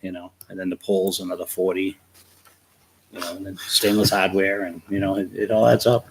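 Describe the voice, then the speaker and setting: A low-pitched man talks loosely through his department's spending, repeating himself and filling gaps with "you know". It sounds like a public meeting. Faint noise hums behind him. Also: level tone, fairly quick, poor audio. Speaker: town department head presenting. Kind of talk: casual budget explanation.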